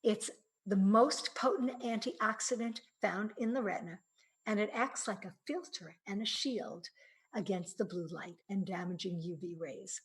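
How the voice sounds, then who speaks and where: A woman's voice: medium pitch, normal speed, rough recording. A woman giving a presentation on eye-health supplements, explaining earnestly with frequent fillers and restarts.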